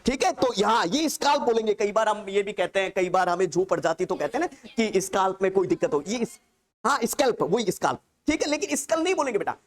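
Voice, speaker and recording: A male teacher lecturing in a classroom. He says key terms slowly, again and again, so students can copy them down. Between terms he coaxes and checks on the class in a fond, fatherly way. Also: sits high. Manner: keeps checking that students have understood; calls students "child" in an affectionate, coaxing way. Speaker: nursing exam teacher.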